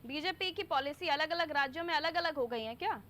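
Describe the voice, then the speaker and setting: Woman, TV news anchor, high voice, pointed follow-up questions. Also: a little fast, over a noisy crowd. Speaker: news anchor interviewing a guest. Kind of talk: TV news interview.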